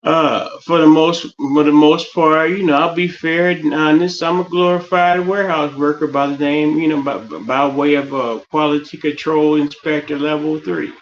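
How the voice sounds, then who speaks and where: A man's voice: a little high, steady tone, normal speed, few pauses, lo-fi sound, slight background noise. A man with a West Virginia Appalachian accent rambling through a casual livestream monologue, often repeating and restarting his phrases. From West Virginia, United States.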